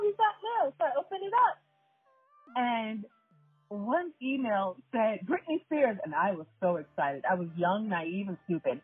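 A husky, somewhat high-voiced woman from the New York area tells stories in a lively, casual way, laughing often and turning to her listeners. She sounds thin and phone-like in a dry space with faint music behind her. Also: no echo. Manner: animated, laughing often, addresses listeners directly. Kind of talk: casual storytelling chat.

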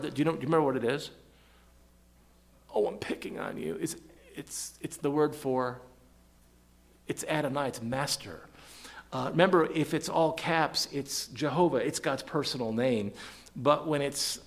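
A man leading an evening Bible study, reading verses aloud with emphasis and quizzing listeners by name, often repeating words as he restarts. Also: medium pitch.

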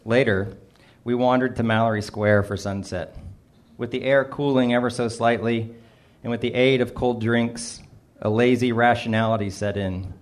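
This middle-aged man has a mid-range voice with fairly even intonation and a moderate pace. He reads a humorous personal essay of his own aloud, telling it in the first person with a dry, wry, self-mocking touch.

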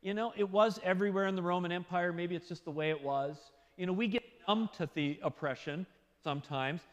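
High-voiced man preaching in an echoing hall. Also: fairly quick, muffled recording. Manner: informal, storytelling, acts out quotes in voices. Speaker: pastor. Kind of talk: conversational sermon.

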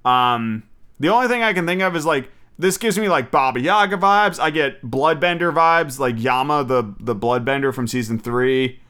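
A man talks through a casual solo podcast episode as an eager fan, with a bright, forward tone. His voice is smooth and crisp, but his speech wanders, full of restarts, and he swears casually. His pitch sits in an ordinary middle range. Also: normal speed. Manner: rambling, frequent fillers and restarts, swears casually; enthusiastic fan. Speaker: podcast host.

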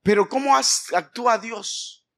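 Gravelly high-voiced pastor preaching. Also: male voice, a little slow. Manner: conversational, quizzes the congregation by name; acts out scolding dialogues with shifting voices. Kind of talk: sermon.

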